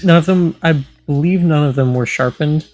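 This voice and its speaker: A young man co-hosting a casual podcast chat, measured and matter-of-fact, pausing often with ums. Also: fairly high pitch, darkish tone, faint music behind, rough recording. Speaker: podcast co-host.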